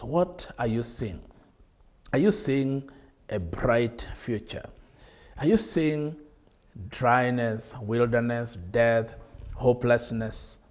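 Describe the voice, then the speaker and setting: Seated at a studio desk, a middle-aged Kenyan bishop teaches a televised sermon. He poses earnest rhetorical questions and draws out words for emphasis. His mid-range voice has a slightly mellow quality.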